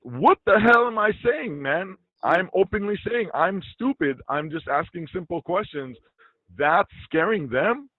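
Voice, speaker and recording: A man from Iraq, appearing as an interview guest, speaks in a high, expressive, unhurried voice. The talk is casual, and he is blunt and swears freely. The sound is dull, dry and lo-fi.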